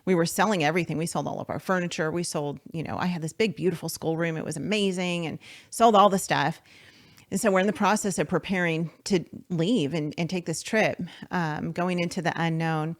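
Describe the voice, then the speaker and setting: A woman's voice: fairly low pitch, fairly even intonation, a little fast. A woman in her forties, a podcast guest, telling an earnest personal story with many fillers and restarts. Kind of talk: faith-based podcast interview.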